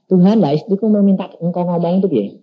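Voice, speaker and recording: A man's voice: high-pitched, fast. An older male preacher tells a sermon testimony, acting out both sides of a dialogue in shifting voices. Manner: animated storytelling, acting out dialogue in changing voices. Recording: dull lo-fi sermon recording.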